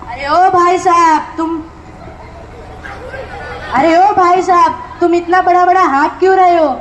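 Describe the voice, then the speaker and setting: A woman's voice: very high voice, fairly even intonation, a little slow, a bit bright, a faint crowd, a little hiss or hum. A female performer playing a bragging, mocking alphabet letter in a school stage skit. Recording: echoey room.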